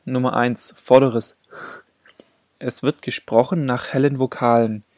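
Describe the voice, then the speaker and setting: A man's voice: mid-range voice, steady tone, a little slow, darkish tone, no echo. A man reading a scripted pronunciation lesson, enunciating rules and single example words with great care. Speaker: pronunciation teacher.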